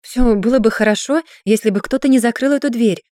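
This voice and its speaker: A woman's voice: fairly high pitch, lively intonation, a little slow, a little mellow, no room sound, studio quality, voice pushed up. A woman reading a storybook voices a defensive young woman who answers curtly and bitingly. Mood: defiant. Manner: curt, biting and defiant.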